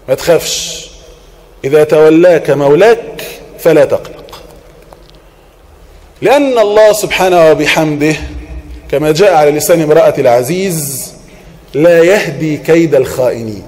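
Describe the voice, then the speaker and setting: A man with an Egyptian accent preaching an Islamic sermon, asking rhetorical questions, answering them himself and reciting verses in a measured tone. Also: a little high. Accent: Egyptian Arabic. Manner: quotes Quranic verses in a measured chanting tone; swings between loud emphasis and soft murmured reassurance.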